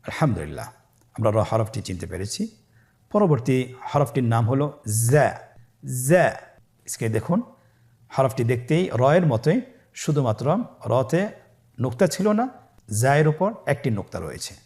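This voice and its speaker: A man's voice: medium pitch, big pitch swings, darkish tone. Patient Bangladeshi Quran teacher, man. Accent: Bangladeshi Bengali. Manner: patient, slow drilling, stretching each letter. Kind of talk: recitation lesson for beginners.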